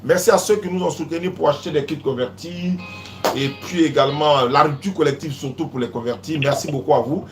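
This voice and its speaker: Hosting a live religious call-in, this man talks casually and repeats himself, often calling out to callers who stay silent and saying "Inch'Allah" and "Allô?" again and again. His voice is a little high and brisk, sounding reverberant over background music.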